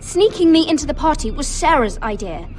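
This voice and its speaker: Higher-voiced, guarded young handmaiden. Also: female voice, big pitch swings, a little fast, darkish tone, faint music behind. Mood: firm, cold. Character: guarded, self-possessed young handmaiden to a noble lady. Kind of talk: dramatic video game acting.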